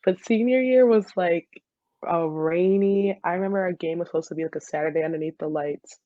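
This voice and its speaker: A woman in her twenties with an American accent, a former college soccer player, chats informally as an interview guest in a lowish voice, talking a little fast. She retells stories in a giggly, animated way with quoted asides. The audio is phone quality with no room sound.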